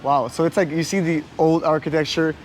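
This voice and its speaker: A man's voice: a little high, level tone, fairly quick. A man hosting a travel podcast, chatting and asking short questions while walking through a city's old town. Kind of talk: casual street interview. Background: city noise and traffic.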